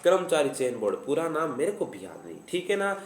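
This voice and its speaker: A man's voice: fairly high pitch, very animated, brisk, roomy sound. A man with a Rajasthani accent teaching a live online exam-prep class. He repeats his lines and plays out the students' answers himself.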